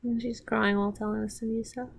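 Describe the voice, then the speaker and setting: A woman's voice: a little high, level tone, quick pace, gravelly. A woman rambling casually through a show, recapping scenes with restarts and getting heated and swearing when annoyed. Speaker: reaction commentator. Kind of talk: casual watch-along commentary.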